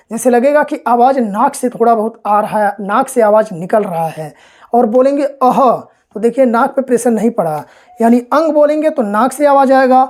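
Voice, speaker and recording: A woman's voice: a little high, a little mellow. A woman giving an online grammar class, asking the class questions, answering them herself and repeating the key points. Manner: slow, careful sounding-out of letters. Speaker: Hindi grammar teacher.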